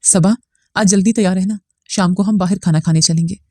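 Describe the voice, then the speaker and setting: A woman's voice: fairly low pitch, steady tone, brisk, darkish tone, no echo, studio quality, close to an everyday voice. A woman voicing a loving, cheerful young husband speaking tenderly. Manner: affectionate, tender.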